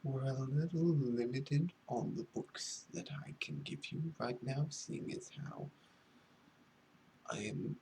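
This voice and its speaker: Whispered role-play: pretentious, needy male librarian played by a man, slow, swooping intonation, fussy wording, breathy half-whisper. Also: medium pitch, a little hiss or hum, full character voice, poor audio. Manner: pompous, halting, theatrically wordy. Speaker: ASMR role-play performer.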